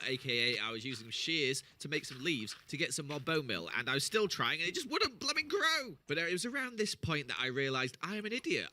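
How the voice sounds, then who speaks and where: Bright, lively man narrating gameplay. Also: medium pitch. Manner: playful, jokey and self-mocking. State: has the hiccups. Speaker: gaming channel host.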